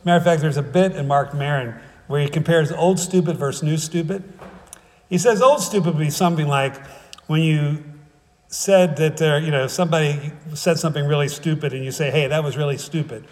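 A man's voice: a little high, a little fast, big-room sound. A man preaching a sermon in a casual, conversational way, with wry humor, often checking in with "right?" and "okay?".

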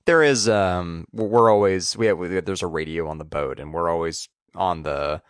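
A man co-hosting a casual podcast, talking in a halting way with pauses and restarts. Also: deep voice, clear, resonant tone, dry recording, clean studio sound. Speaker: podcast co-host.

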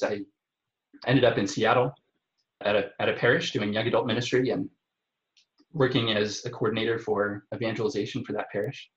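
A man with a fairly low voice speaks as a podcast guest in a personal, conversational style. He halts and repeats words as he goes. The sound is roomy and a little dull. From Omaha area, Nebraska. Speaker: podcast guest, parish evangelization coordinator.

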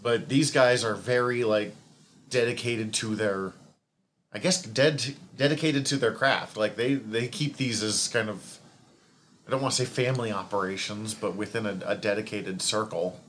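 A man's voice: on the low side, normal speed, a bit bright, a little hiss or hum. A man co-hosting a podcast in casual chat, rambling and swearing freely. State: hiccups from eating. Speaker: podcast co-host.

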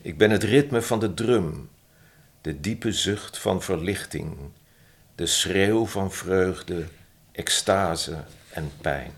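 A man, a podcast guest who is a publisher and poet, talking thoughtfully and reading his own poem slowly. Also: sits low, creaky. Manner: slow, thoughtful, reads his own poem softly and deliberately. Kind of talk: conversational interview with a slow poetry reading.

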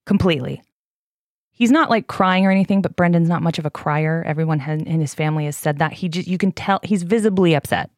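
Middle-aged woman host, casual and heated, low-ish pitch, dry mic. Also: fast, dry recording. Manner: animated, gets heated and swears. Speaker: podcast host. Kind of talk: casual chat retelling a case.

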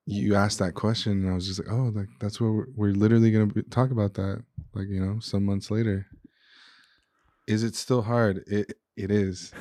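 A man's voice: fairly low pitch, darkish tone, dry recording, clean studio sound. A young man, a podcast guest, talking casually and openly about his feelings, recorded in a living room. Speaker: podcast guest, chef and restaurant owner. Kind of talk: casual conversation.

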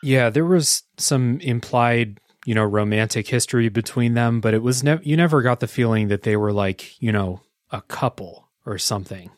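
A man's voice: mid-range voice, moderate pace, hardly any pauses, no room sound, studio quality. A man hosting a podcast, chatting casually about a video game in a reflective, matter-of-fact way.

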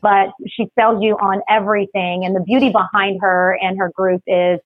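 A woman from the Philippines, raised in Texas, talking quickly and chattily as an interview guest, laughing often. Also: mid-range voice, level tone, no room sound, narrow, tinny audio. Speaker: guest, business services rep. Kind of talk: casual interview.

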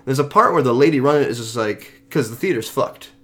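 A man talks in a relaxed, easygoing way, laughing often and swearing offhandedly. His voice is middle-pitched and ordinary. This is loose conversation between friends. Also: fast. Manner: laid-back, laughing, swears casually. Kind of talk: casual chat.

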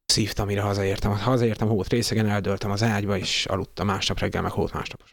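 Low-voiced man telling slangy anecdotes. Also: little pitch movement, vocal fry, no echo, studio quality. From Hungary. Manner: slangy, colloquial storytelling. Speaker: podcast co-host. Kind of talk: casual anecdotal chat.

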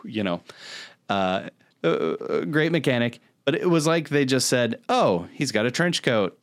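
A man co-hosts a podcast, casually chatting about video game movies and critiquing them with emphatic, mock exasperation. His medium-pitched voice is very animated and a little slow, captured in a dry recording.

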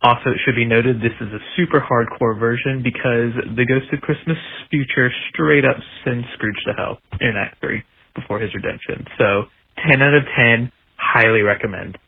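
A man's voice: medium pitch, moderate pace, husky, no echo. A man calling in over a phone line with an eager, slangy movie recommendation. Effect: voice message over a phone line. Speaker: caller to a podcast.

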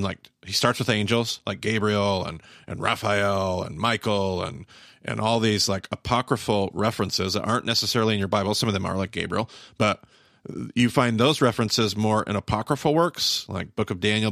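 A man's voice: fairly low pitch, vocal fry, fairly bright tone, no room sound, studio quality. A man co-hosting a podcast, giving casual commentary with emphatic, repetitive phrasing. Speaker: podcast co-host.

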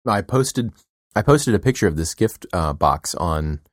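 Low-voiced, relaxed male podcast host. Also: unhurried, dry recording, clean studio sound. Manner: relaxed, jokey. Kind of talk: casual chat.

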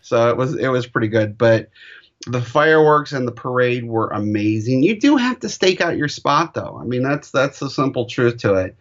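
A man's voice: mid-range voice, lively intonation, moderate pace. Rambling man on a dull lo-fi recording. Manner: rambling, with many restarts and laughs. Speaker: parent recounting a trip. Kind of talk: casual chat. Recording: dull lo-fi sound.

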